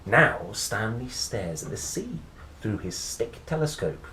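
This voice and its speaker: A man with a fairly low voice reads a picture book to children at an unhurried pace, using playful, swooping expression, dramatic pauses and exclamations. His animated delivery slips into chatty asides to the listener. A roomy, clear echo surrounds his voice, with faint background noise.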